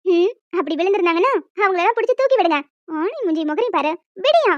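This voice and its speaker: A woman doing a very high, feisty cartoon young wife. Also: lively intonation, fast, no room sound, muffled recording. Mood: flustered scolding. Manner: scolding, flustered pleading. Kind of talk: cartoon voice acting.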